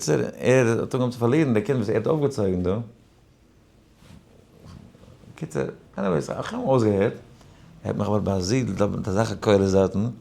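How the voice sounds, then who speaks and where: Gravelly low-voiced man teaching Torah. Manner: animated, jumps between soft asides and emphatic points. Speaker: rabbi teaching a daily Torah class. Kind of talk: informal Torah lesson mixed with personal story.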